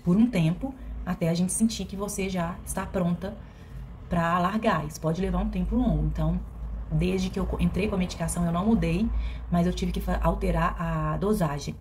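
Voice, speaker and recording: A woman's voice: on the low side, a little fast, a little mellow, slight background noise. Reflective mineira woman, hesitant speech. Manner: reflective and hesitant, with many fillers and restarts. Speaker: vlogger. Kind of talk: personal confessional vlog.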